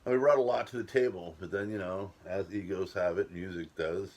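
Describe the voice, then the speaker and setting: A middle-aged man with a very low, deep voice tells his story in a loose, wandering way. He swears without a second thought and laughs at himself as he goes. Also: fairly even intonation, brisk, darkish tone. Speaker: channel host telling his life story. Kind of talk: casual storytelling monologue.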